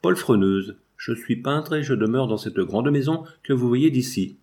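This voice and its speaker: A man's voice: medium pitch, expressive, moderate pace, darkish tone, natural voice. A man voicing an earnest, tall young painter who speaks urgently and insistently.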